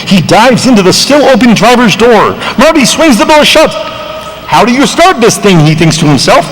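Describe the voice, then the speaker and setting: A man voicing an excitable frog puppet who narrates a script like a cartoon storyteller. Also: sits high, normal speed. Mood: excited, urgent. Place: comic convention panel hall. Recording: echoey convention hall, noisy room.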